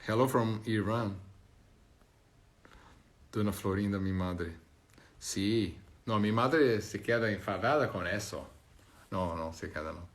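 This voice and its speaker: Speaking in a lowish voice at a measured pace, a Brazilian man with a Portuguese accent hosts a relaxed live stream. He reads out viewer comments, laughs, and jokes while hopping between Spanish, English and French.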